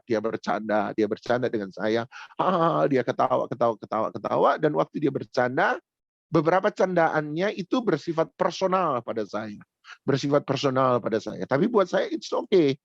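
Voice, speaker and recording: A man's voice: medium pitch, creaky, dry recording, highs cut off. A man preaching a sermon, telling a personal story and repeating phrases for emphasis. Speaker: pastor.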